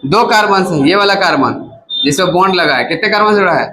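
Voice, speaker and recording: A man's voice: high-pitched, expressive, quick pace, sharp tone, faint music behind, poor audio. A male chemistry teacher giving a casual classroom lecture who keeps asking his students to repeat each term back to him. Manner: casual, coaxing teacher talk.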